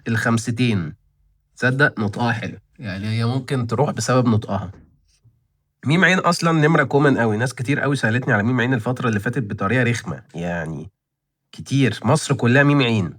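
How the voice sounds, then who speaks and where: Reviewing license plate auctions on his channel, this Egyptian-accented man in his twenties speaks to viewers in a relaxed, wandering way, musing out loud and circling back over the same points. His voice is medium-pitched and fairly bright.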